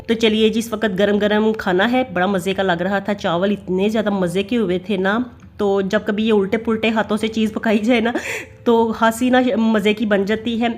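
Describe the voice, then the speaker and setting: Chatty Pakistani housewife vlogger. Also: female voice, medium pitch. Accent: Pakistani Urdu. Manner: chatty, homely, many fillers. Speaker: family vlogger. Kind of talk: casual voice-over narration.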